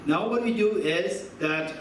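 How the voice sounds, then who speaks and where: A man's voice: sits high, slow pace. A man in his fifties teaching Buddhist philosophy to an audience in a conversational way, quizzing listeners and repeating key phrases. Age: 50s. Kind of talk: teaching talk with audience questions. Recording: echoey hall from far off with background noise.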